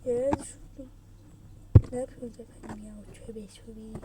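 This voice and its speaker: A young woman with a high voice plays a game with a friend and acts out little scenes. She teases and bickers, loud one moment and whispering the next. Heavy noise runs under the whole recording. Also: fairly even intonation, measured pace. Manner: bickering, teasing, switching between loud shouts and hushed whispers. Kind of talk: playful Toca Boca role-play with a friend.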